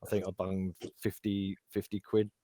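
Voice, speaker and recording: A man's voice: low-pitched, flat delivery, normal speed, dark tone. A British man chatting casually in a voice chat Q&A, plain-spoken and full of British slang. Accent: British English. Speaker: crypto project team member.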